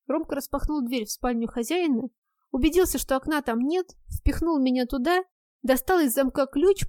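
A woman narrates a first-person audiobook with a wry, ironic delivery. Her voice sits fairly high. The recording is close and dry. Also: mellow, no echo.

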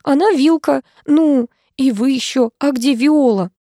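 A woman voicing a flustered young waitress who is loud and bewildered, drawing out her words. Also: sits high, measured pace, dry recording, studio quality, voice pushed up.

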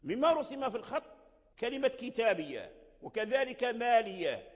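High-voiced man teaching Quran reading rules. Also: big pitch swings. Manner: halting, repeats words while explaining, slows to spell out examples. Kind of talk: spoken religious lesson on Quran reading rules. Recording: long reverb of a hall.

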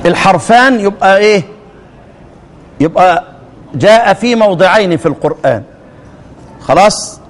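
A man with an Egyptian accent teaching a recitation lesson, quizzing his students and chanting verses slowly. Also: high-pitched, animated, long reverb tail. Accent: Egyptian Arabic. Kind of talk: classroom lesson explaining verse.

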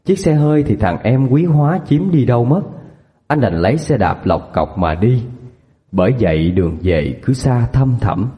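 A man with a Southern Vietnamese accent narrating a scripted horror story in a steady manner. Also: medium pitch, moderate pace, muffled recording. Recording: long reverb with faint music.

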